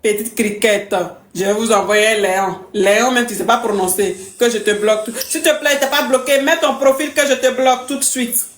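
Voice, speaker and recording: A woman's voice: fairly high pitch, moderate pace, few pauses, lightly acted. A woman playing a brash, imperious coach who mocks callers and threatens to block them on a live stream. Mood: mocking. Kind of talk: comic live-stream parody. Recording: roomy echo.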